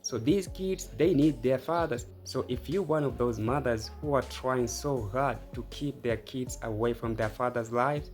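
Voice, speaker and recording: A man's voice: medium pitch, moderate pace, hardly any pauses, a little mellow, soft background music. A man hosting a reaction channel, giving casual, opinionated commentary and talking to the viewer directly.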